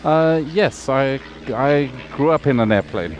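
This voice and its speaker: Male guest from South Africa, casual and halting, outdoor airfield recording, light background noise. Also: mid-range voice, lo-fi sound. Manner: relaxed, hesitant, many fillers. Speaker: guest, paint scheme designer. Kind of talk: casual outdoor podcast chat. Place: outdoor airfield deck near runway.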